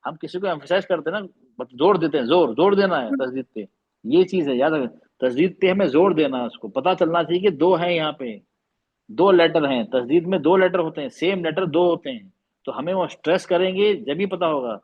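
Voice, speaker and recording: Man, tajweed teacher, fairly high voice, husky, patient and repetitive, dull online call audio. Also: lively intonation, brisk. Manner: explains patiently, repeats terms and demonstrates recitation. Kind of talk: online class lesson. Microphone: video call.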